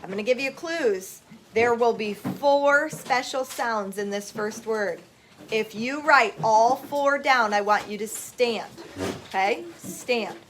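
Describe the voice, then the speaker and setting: A woman teaching a classroom phonics lesson, brisk with the children and slow and lilting when reading poetry aloud. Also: on the high side, fairly bright tone, a little hiss or hum. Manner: brisk, reads poetry slowly with a lilt.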